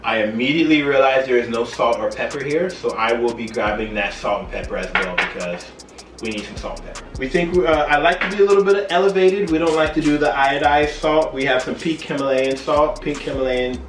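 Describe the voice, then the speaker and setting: A man with a mid-pitched voice chats to the camera as a tipsy home cook. His talk is loose and rambling, often losing its thread. The room is echoey, and music plays clearly behind him. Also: fairly even intonation, brisk. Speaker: home cooking show host. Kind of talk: casual chat to camera while cooking. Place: home kitchen. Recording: roomy echo, distant mic, music behind.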